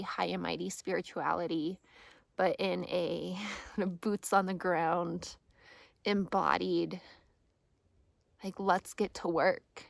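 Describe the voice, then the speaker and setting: Calm woman guide, low creaky voice. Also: no echo. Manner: calm, earnest, deliberate with pauses and repeated phrases. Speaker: meditation guide and practice host. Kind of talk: calm spoken grounding meditation talk.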